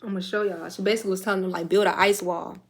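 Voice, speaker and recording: A woman's voice: mid-range voice, steady tone, very fast. A young adult woman giving a casual spiritual tarot reading, chatty and slangy, swearing freely and speaking straight to her viewers. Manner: chatty, slangy and profane, addresses viewers directly. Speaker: tarot reader.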